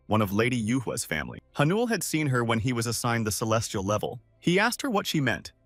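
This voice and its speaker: A man giving scripted story narration as a recap narrator, in an animated, swooping delivery. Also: mid-range voice, no room sound.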